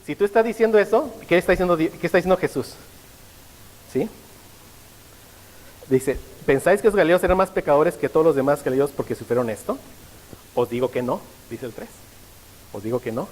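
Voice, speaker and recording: A man's voice: a little high, expressive, fairly quick, pauses often, big-room sound, poor audio. A male pastor preaching a sermon, often stopping to ask the congregation rhetorical questions.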